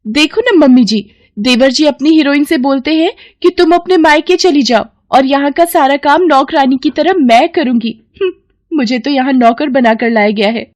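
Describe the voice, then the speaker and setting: A woman doing a shrill spiteful young sister-in-law. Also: moderate pace, dry recording, natural voice. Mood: shrill complaining. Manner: shrill, haughty, shouting. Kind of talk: cartoon storybook voice acting.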